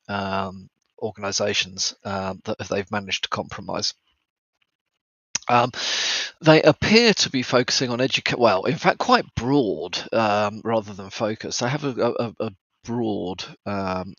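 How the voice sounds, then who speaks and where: Croaky, low-voiced man with a cold. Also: a bit bright, no room sound, lo-fi sound. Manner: hesitant, halting delivery with frequent ums and broken phrases. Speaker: host of a cyber security news briefing. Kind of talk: informal spoken news briefing.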